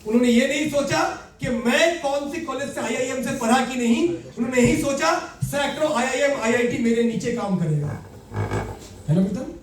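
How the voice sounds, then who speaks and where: A man giving an animated motivational talk, telling a fable and acting out its characters. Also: very high voice, moderate pace, a little hiss or hum. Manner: animated storyteller, acts out characters. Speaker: motivational speaker. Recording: echoey room, mic at a distance.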